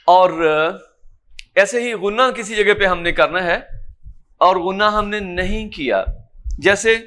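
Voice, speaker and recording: A man teaching Quran recitation in a classroom lecture, explaining patiently, checking that students follow and chanting example words slowly. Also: high-pitched, a bit bright. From Pakistan. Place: lecture room in an academy.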